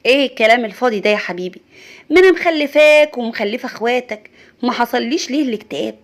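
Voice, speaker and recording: A woman's voice: a little high, animated, rapid-fire, natural voice. Bossy older Egyptian mother-in-law, harsh and nagging, put on by a woman. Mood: scolding. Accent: Egyptian Arabic.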